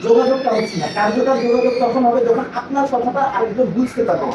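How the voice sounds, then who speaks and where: A man's voice: very high-pitched, fast talker. A man training teachers in a classroom lecture, explaining with examples and often checking that the listeners understand. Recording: echoey room from far off, noisy.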